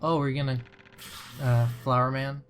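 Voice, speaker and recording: A man's voice: medium pitch, steady tone, normal speed, faint music behind. A man hosting a let's play, chatting casually and loosely over the game with plenty of fillers. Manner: loose, hesitant, full of fillers. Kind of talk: casual gaming commentary.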